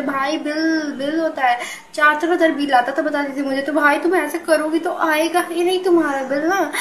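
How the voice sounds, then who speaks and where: A young woman telling a storytime vlog in a casual, animated and exasperated way, full of fillers. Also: high voice, reverberant, a little hiss or hum. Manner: animated, exasperated, many fillers like "thik hai" and "bhai". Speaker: vlogger.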